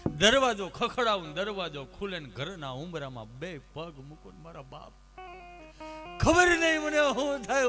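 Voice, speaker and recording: A man voicing a weary middle-aged patient who pleads his troubles to a doctor in a choked-up voice. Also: high voice.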